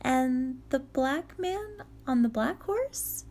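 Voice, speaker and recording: A woman's voice: high voice, lively intonation, takes it slowly, a little mellow, voice pushed up, full character voice. A woman voicing a frightened, polite young girl who speaks timidly and pleadingly.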